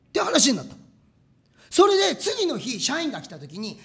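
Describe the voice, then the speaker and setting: Animated preacher voicing machine sound effects. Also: sits high, moderate pace, vocal fry. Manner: animated, acts out machine noises with sound words. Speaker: pastor. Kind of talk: sermon storytelling.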